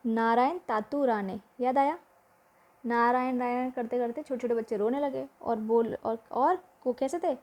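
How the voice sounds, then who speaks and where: A woman's voice: on the high side, normal speed, darkish tone. A young woman teaching a memory-trick lesson for exams, quizzing the listener with repeated questions.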